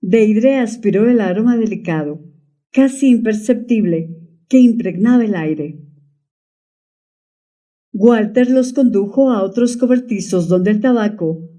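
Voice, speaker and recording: Dark-voiced woman narrating an audiobook. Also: mid-range voice, recorded from a distance. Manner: measured, dramatic reading.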